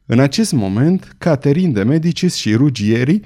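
A man's voice: medium pitch, lively intonation, warm tone. A man narrating a historical novel as an audiobook, in a theatrical, emphatic storytelling manner. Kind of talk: dramatic historical novel reading.

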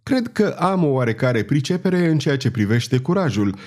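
A man reading the part of a calm, proud male knight who speaks with haughty courtesy. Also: medium pitch, lightly acted. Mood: courtly. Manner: polite but haughty, smiling.

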